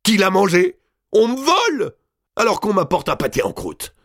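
A choleric older countess who screeches and scolds in a voice pushed far above its usual depth. Her rage swings wildly up and down, bursting out in sudden shouts. The sound is dry and close. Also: high-pitched, wildly swooping pitch, moderate pace, no room sound, voice pushed up, exaggerated voice. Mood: furious. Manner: shrieking, furious outbursts. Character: choleric gluttonous older countess, domineering and shrill. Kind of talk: audiobook character voice.

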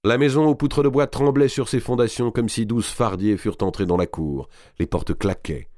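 A man narrating an audiobook in an expressive, dramatic reading style. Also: mid-range voice, moderate pace, no echo, clean studio sound. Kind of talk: audiobook reading of a historical novel.

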